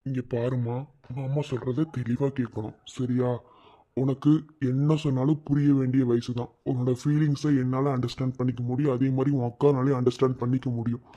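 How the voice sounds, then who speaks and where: A man voicing a patient, wise uncle in a cartoon love story who gives gentle advice. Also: medium pitch, level tone, natural voice. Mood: gentle advising. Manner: patient, advising, measured. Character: calm, wise uncle giving a young woman advice.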